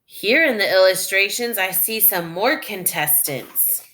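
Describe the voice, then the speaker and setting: The recording is low quality, and a woman with a medium-pitched, animated voice reads a children's story in a teaching style. She thinks out loud and guides the young audience deliberately.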